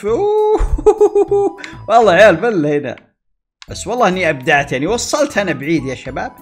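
Excitable guy narrating his gameplay, voice jumps up and down a lot. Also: fairly high pitch, racing, soft background music. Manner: excitable, exclaiming and talking to himself and viewers. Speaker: gaming YouTuber. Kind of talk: gameplay commentary.

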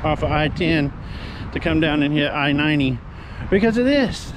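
A man narrating a road trip for a travel vlog in a relaxed, matter-of-fact way, speaking in a car and then outdoors at a beach. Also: fairly high pitch, normal speed, rough recording. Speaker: travel vlogger. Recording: loud road noise, voice off-mic.

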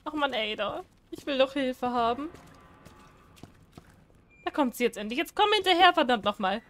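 A woman's voice: high voice, lively intonation, moderate pace, a bit bright. A woman giving casual let's-play commentary, chatty and jumpy, pleading and squealing when scared. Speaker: gaming streamer.

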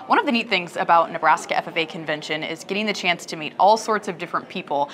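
Lower female host, fast and playful, hotel hall interviews. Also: expressive, fairly bright tone. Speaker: preshow host. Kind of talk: broadcast interview hosting.

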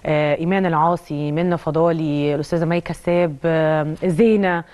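A woman's voice: low voice, steady tone, brisk, darkish tone. An Egyptian woman, an actress, talking emotionally about her role in a TV studio interview, with an Egyptian Arabic accent. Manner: emotional, tells anecdotes with acted quotes. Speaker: actress guest.

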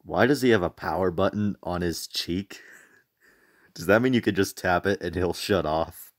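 A young man with a low voice reacts to a video from his home mic. He chats loosely, laughs at his own slips and pokes fun at himself. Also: normal speed. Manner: chatty, self-mocking, laughs often. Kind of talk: casual reaction commentary.

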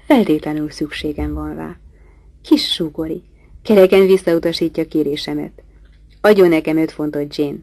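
A woman reading the part of a brusque, teasing wealthy middle-aged English gentleman in an audiobook, gruff and bantering. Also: low-pitched, no room sound. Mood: mocking.

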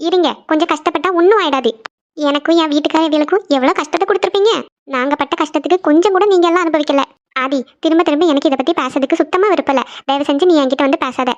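A woman's voice: sits high, racing, dull audio, lightly acted. A woman voicing a bitter, grieving middle-aged aunt in a cartoon, scolding coldly. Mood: stern scolding. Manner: cold, scolding. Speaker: cartoon voice actor. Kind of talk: cartoon voice acting.

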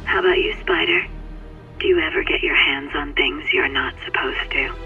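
Sly cat burglar on the phone. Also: female voice, low voice, sing-song, normal speed, soft background music. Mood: sly, flirtatious. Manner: coy, teasing purr. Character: sly flirtatious female cat burglar, teasing and cocky. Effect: telephone filter. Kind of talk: video game voice acting. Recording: tinny filtered phone line.

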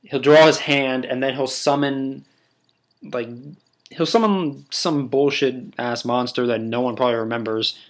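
A man's voice: medium pitch, measured pace. A young man hosting a casual video, talking in a crude, rambling, joking way. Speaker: video host. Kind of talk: casual vlog commentary.

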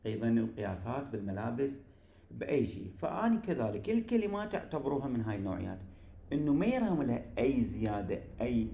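A man with an Iraqi Arabic accent teaches an online English grammar class, explaining patiently and often checking that his students follow. His voice is gravelly and mellow, and the room around him rings with a noticeable echo. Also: medium pitch, sing-song, fast talker. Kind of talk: recorded online lecture.

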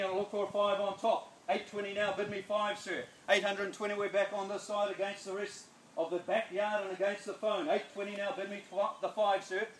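At a backyard auction, a middle-aged New Zealand man chants bids in brisk repeats with a fairly high voice, coaxing buyers along in rapid auction calling. A phone camera captures him outdoors from a distance, so there's an echoey ring and a faint hiss of noise behind him.

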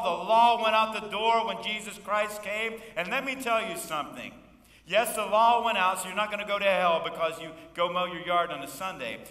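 A man's voice: a little high, pushed and bright. A man in his fifties preaching a sermon as pastor, folksy and joking, calling for responses from the congregation. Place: church sanctuary. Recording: echoey church hall from far off.

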